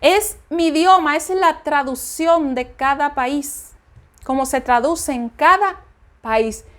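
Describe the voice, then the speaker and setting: A woman's voice: high voice, slow, fairly bright tone. A woman preaching an informal spoken sermon, emphatic and repeating each point several times. She speaks her native Spanish.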